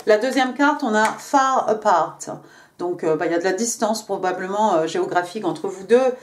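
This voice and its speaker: A woman's voice: medium pitch, moderate pace. Chatty woman doing a tarot reading. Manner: chatty, many fillers and "hein" tags, switches to English card text. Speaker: tarot card reader. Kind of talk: casual tarot reading to camera.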